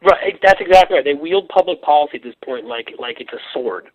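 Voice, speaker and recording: A man's voice: a little high, lively intonation, no echo. Guy calling in on a tinny phone line, dry sound, worked up, keeps stumbling over repeated words. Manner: heated, halting, repeats words before landing a point. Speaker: guest commentator. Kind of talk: political talk show discussion.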